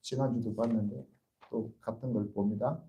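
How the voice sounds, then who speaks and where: A man's voice: on the low side, fairly even intonation, normal speed, warm tone, poor audio. A pastor preaching a sermon to his congregation, urging and earnest, asking rhetorical questions and answering them himself.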